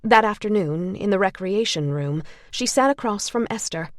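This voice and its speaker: A woman narrating an audiobook of a novel in a measured storytelling manner. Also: medium pitch, animated, no room sound, clean studio sound.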